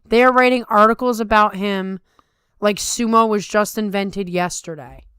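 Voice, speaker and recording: A middle-aged woman co-hosts a sumo talk show, casually chatting with emphatic, colloquial, opinionated commentary. Her mid-range voice moves at a moderate pace, sounding a bit bright and clean in a dry recording.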